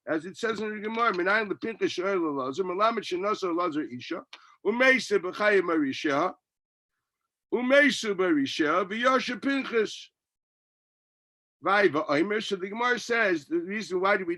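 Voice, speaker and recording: High, bright New man teaching Talmud. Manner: argumentative, asking and answering his own questions. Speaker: rabbi teaching a Talmud class. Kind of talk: Talmud lecture, reading and explaining text.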